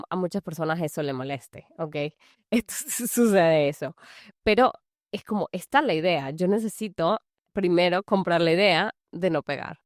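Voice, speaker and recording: A woman with a slightly low voice gives casual advice to camera, coaching mothers on how to handle anger. She talks in a loose, relaxed, rambling way, packed with fillers like "es como." The recording is dry with no room echo, made in a large house.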